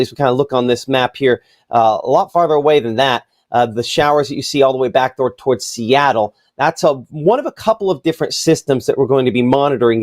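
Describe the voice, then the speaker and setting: A man's voice: mid-range voice, a little mellow. A man presenting a live TV weather forecast as chief meteorologist, talking in a loose, chatty way with fillers and asides. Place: TV weather studio.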